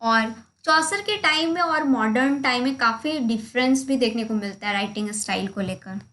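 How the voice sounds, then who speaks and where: A woman gives a recorded lecture over slides. Her voice sits high, and she explains slowly and methodically, sounding out each stressed and unstressed syllable. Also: fairly bright tone. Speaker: literature teacher. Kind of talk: slide lecture in Hindi mixed with English.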